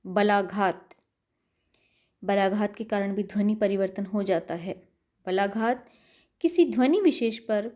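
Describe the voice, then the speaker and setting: A woman's voice: mid-range voice, darkish tone. A middle-aged woman lecturer giving a recorded university lecture, explaining carefully and repeating words to show their pronunciation. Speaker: college lecturer.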